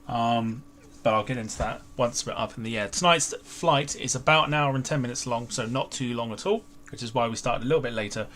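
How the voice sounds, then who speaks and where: A man's voice: mid-range voice, fairly quick, a bit bright. A man hosting a flight sim livestream in casual, informal chat, talking to his viewers. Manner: chatty, informal, greeting viewers by name. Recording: livestream with clear background noise.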